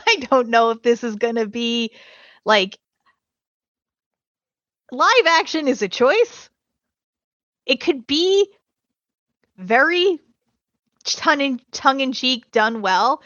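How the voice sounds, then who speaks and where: A woman's voice: high voice, sing-song, slow, long pauses, fairly bright tone, dry recording, lo-fi sound. A woman chatting casually as a podcast guest, laughing often as she talks. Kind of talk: casual chat.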